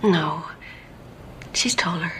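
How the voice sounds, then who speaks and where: A woman playing a naive, earnest angel in a TV drama, innocent and halting. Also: fairly low pitch. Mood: sincere. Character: naive, earnest female angel stuck in human form. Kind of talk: TV drama acting. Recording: faint background noise.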